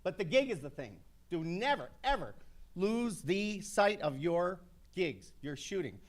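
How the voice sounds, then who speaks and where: A man in his fifties on an actors' panel, telling brash, animated stories with comic asides to an audience. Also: high-pitched, unhurried. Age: 50s.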